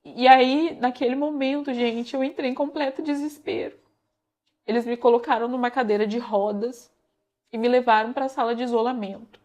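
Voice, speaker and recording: A woman's voice: on the high side, steady tone, moderate pace, a little mellow. A young woman with a Brazilian Portuguese accent, earnestly telling her own story to viewers and acting out the dialogue. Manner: earnest, addresses viewers as "gente", acts out quoted dialogue. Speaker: vlogger sharing a personal testimony. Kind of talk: emotional personal storytelling.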